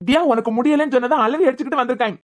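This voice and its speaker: A woman's voice: high-pitched, rapid-fire, close to an everyday voice. A woman voicing a worried young husband in a cartoon who keeps pressing his wife to see a doctor. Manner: pressing, gently coaxing. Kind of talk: cartoon voice acting.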